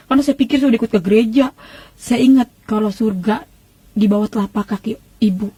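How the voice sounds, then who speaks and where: A woman's voice: fairly high pitch, quick pace, dark tone, husky, no echo. A woman telling her personal testimony with emotion, acting out the voices of people in her story. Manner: emotional, acts out the quoted voices of others. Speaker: church testimony speaker.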